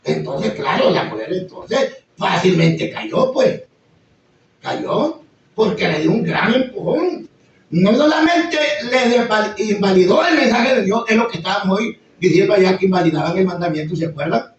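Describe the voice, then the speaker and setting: A man preaching a sermon, bursting into sudden high exclamations and acting out quoted voices. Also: animated, moderate pace. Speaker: pastor. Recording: echoey far-off room mic, slightly dull, faint noise.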